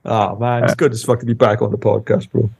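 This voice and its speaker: A man's voice: medium pitch, little pitch movement, quick pace, creaky, a little mellow, husky, no echo. A Welsh man co-hosting a podcast in casual chat, laid-back and swearing freely. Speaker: podcast co-host.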